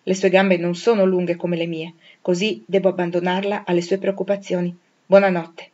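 A woman's voice: lowish voice, flat delivery, normal speed, mellow, close to an everyday voice. A woman voicing a stern, reserved young male pastor who talks coolly and evasively, with dry irony. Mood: reluctant, evasive. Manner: cool, evasive, dryly ironic. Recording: dull lo-fi recording.

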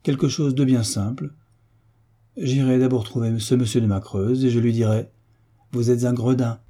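A man's voice: mid-range voice, steady tone, moderate pace, dark tone, lightly acted. A man voicing a blunt, affectionate old navy veteran who speaks frankly and firmly. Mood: indignant. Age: older. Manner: frank, firm, plain-spoken.

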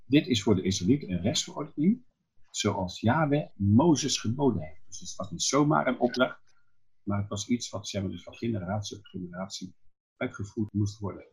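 A man's voice: on the low side, animated, moderate pace, breathy edge. A man preaching a Bible exposition who keeps asking questions and answering them himself. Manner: explanatory, asks and answers his own questions.

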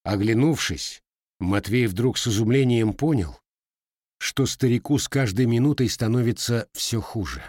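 A man narrating an audiobook in an expressive storytelling manner. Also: mid-range voice, normal speed, dry recording, studio quality.

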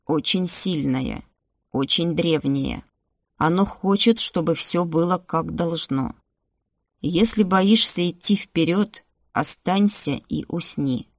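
A woman reading an audiobook, voicing an old shaggy-haired male shaman who speaks in slow, measured, cryptic pronouncements. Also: lowish voice, vocal fry, no room sound, studio quality, exaggerated voice. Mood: grave, cryptic. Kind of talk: audiobook character voice.

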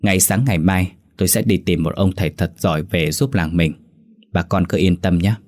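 A man doing a slow-spoken old village head. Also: low-pitched, darkish tone, natural voice. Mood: measured. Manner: slow and measured. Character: old male village head, calm and dutiful.

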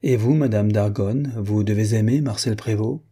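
A man's voice: on the low side, normal speed, mellow, husky. A man voicing a gushing, credulous princess in a read-aloud novel, with an effusive manner.

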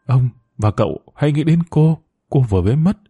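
A man voicing a weeping female servant in an audiobook story, tearful and hushed. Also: mid-range voice, expressive, brisk, husky, dry recording, dull audio.

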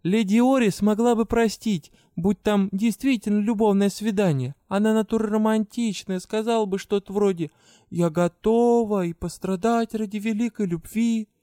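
A high, hoarse young woman student groans out her worries in despair, as a man puts her on. The audiobook sound is dry and close to the mic. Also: fairly even intonation, moderate pace, warm tone, no echo, natural voice.

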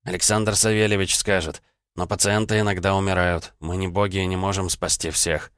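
A calm young medic who speaks quietly and with resignation, voiced by a deep-voiced male narrator. The voice stays low and level, and the recording is dry and close. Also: fairly quick, smooth, no echo. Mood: resigned.

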